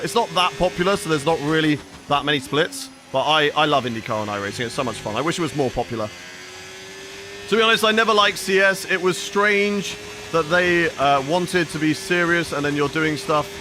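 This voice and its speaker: A young man livestreams a racing game, chatting with viewers, reading the chat and answering their questions as he plays. His voice is fairly high, with background noise behind it.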